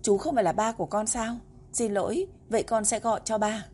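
A woman's voice: medium pitch, dark tone, slight background noise, natural voice. A woman voicing a clever little boy who fakes a tearful, panicked plea on a phone call in a storybook reading. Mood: feigned surprise. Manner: pleading, sobbing, rapid.

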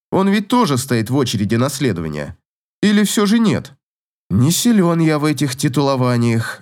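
A man reading a first-person fantasy audiobook in a lively, expressive way. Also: mid-range voice. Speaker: audiobook reader.

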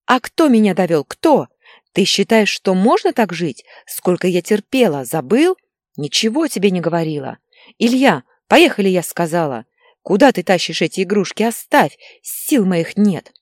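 A woman's voice: low-pitched, big pitch swings, a little fast, hardly any pauses, darkish tone, husky, dry recording, clean studio sound, full character voice. A woman voicing a desperate young mother who screams shrilly and tearfully. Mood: hysterical.

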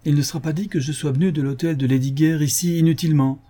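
A man's voice: a little high, steady tone, quick pace, dark tone, pitched above the performer's own voice, close to an everyday voice. A man reading aloud and voicing a brusque, impatient soldier-tsar in a raised voice. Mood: impatient, commanding. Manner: curt, commanding, impatient.

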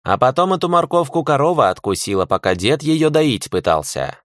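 A man's voice: medium pitch, very animated, fairly quick, a bit bright, no echo, clean studio sound, pitched above the performer's own voice. A man voicing a rude, centuries-old male talking cat in an audiobook, haughty and sarcastic. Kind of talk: audiobook character voice.

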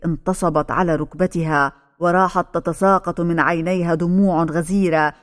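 A woman narrating a dramatic novel as an audiobook, in a measured, even manner. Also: lowish voice.

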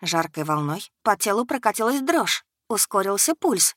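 A woman narrating a first-person audiobook in an expressive, steady storytelling manner. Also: medium pitch, moderate pace, no room sound, studio quality.

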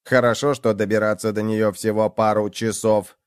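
A mocking, cold-hearted ship computer, scornful and needling in a smooth, resonant voice, as a man reads it out. Its tone sits in a middling register and sounds dry and close for an audiobook. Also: lowish voice, little pitch movement, normal speed, dry recording, natural voice. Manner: needling, sarcastic interrogation.

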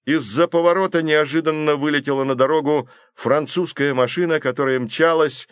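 A man narrating an audiobook in a steady, expressive reading. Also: fairly high pitch, moderate pace, clear, resonant tone, no room sound, studio quality. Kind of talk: scripted narration.

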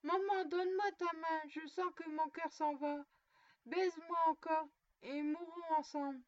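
Storybook: a woman reads a frightened nine-year-old girl, tearful, high and pleading. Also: steady tone, a little slow. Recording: dull dry lo-fi recording.

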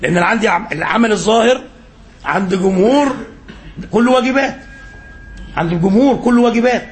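A sheikh with an Egyptian accent teaches an Islamic lesson in a high-pitched voice at a quick pace. He quizzes his listeners, fills in the answers himself, and repeats phrases for emphasis.

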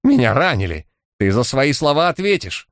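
A man doing a shrill, whining coward. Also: sing-song, normal speed, dry recording, clean studio sound. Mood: shrill, protesting. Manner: shrill, self-pitying and defensive. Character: panicky, whining middle-aged male detective.

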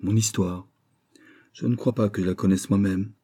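A man's voice: lowish voice, steady tone, normal speed, dark tone, husky. A male reader voicing Lily Bart, a proud young society woman who speaks with mocking defiance.

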